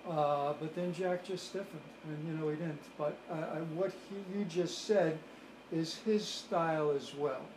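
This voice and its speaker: A man with a somewhat high voice hosts an interview, chatting casually and swapping show-business anecdotes with his guest. His voice echoes in the room, with a faint hiss of noise underneath. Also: fairly even intonation, a little slow. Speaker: interview host.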